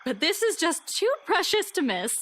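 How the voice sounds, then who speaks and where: Playful, teasing game heroine: high, lively, bright. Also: female voice, moderate pace, heavily acted. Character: teasing young woman, secretly frightened. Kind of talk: voiced visual novel game dialogue.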